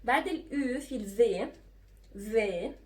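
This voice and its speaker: Egyptian-accented woman, patient teacher, slightly high voice, miked from a short distance. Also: lively intonation. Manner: patient, spells out letters slowly and repeats sounds. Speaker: French teacher. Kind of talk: teaching lesson.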